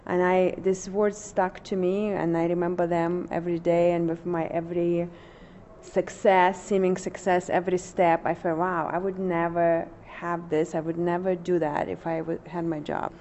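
A middle-aged woman from Lithuania with a Russian accent, talking in a casual interview in a halting way, with many fillers. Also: lowish voice, little pitch movement, warm tone. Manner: hesitant, halting phrasing with fillers. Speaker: painter, interview guest. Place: large old building studio. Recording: dull lo-fi sound with faint noise.

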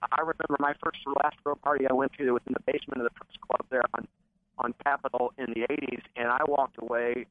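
A middle-aged man calling into a radio interview, speaking earnestly in long run-on sentences over a distorted phone line. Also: mid-range voice. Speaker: guest on a phone call.

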